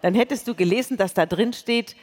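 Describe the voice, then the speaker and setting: A woman, co-hosting a live podcast with quick, teasing banter. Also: a little high, darkish tone. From Munich, Germany. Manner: chatty, quick-witted, teasing. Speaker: podcast co-host. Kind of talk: live podcast stage chat. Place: large concert hall before an audience. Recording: hall reverb from a live stage.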